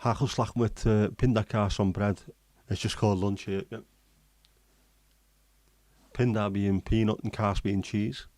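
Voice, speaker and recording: An Englishman hosting a livestream chats casually and works through live comments, rambling with many ums and restarts. His lowish, darkish voice stays steady at a measured pace, pausing often, in a dry recording.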